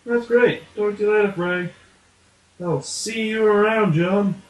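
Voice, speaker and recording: A man's voice: sits high, a little slow, distant mic, voice pushed up. A man voicing a goofy, chirpy, chatty townsfolk sock puppet. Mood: cheerful, goofy. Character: cheerful, chatty townsfolk sock puppets making small talk. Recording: echoey room.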